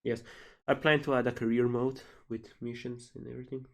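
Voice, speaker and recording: A man's voice: medium pitch, little pitch movement, a little fast, creaky. Man answering questions on stream. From Slovenia. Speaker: game developer hosting a livestream Q&A. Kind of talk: casual livestream Q&A, reading out questions and answering.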